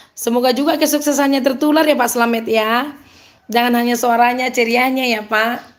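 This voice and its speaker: Woman, Medan accent, slightly high voice, upbeat live-stream host chatting with viewers and laughing often. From Medan, North Sumatra. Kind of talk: live-stream chat reading out viewer comments.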